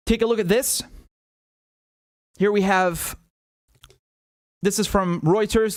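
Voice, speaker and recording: High-voiced man rambling through live news commentary. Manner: rambling, halting, often drifts into tangents.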